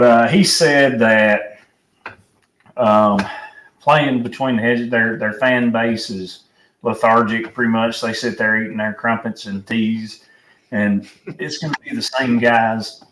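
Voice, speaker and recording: A man's voice: medium pitch, a bit bright. Rambling man in an echoey room. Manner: rambling, filler-heavy storytelling. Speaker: podcast host. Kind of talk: casual sports chat. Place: home room at night. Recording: roomy echo, distant mic, faint noise.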